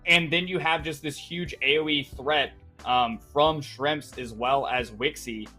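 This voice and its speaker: A man's voice: on the high side, steady tone, unhurried, sharp tone, faint music behind. Chatty man giving esports analysis. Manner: loose, chatty analysis with fillers. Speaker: esports color commentator. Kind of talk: live game analysis commentary.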